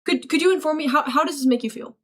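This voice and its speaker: A woman's voice: high voice, quick pace. A young woman streaming, reading chat aloud and joking back in a playful, mock-serious way. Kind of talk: casual livestream chat.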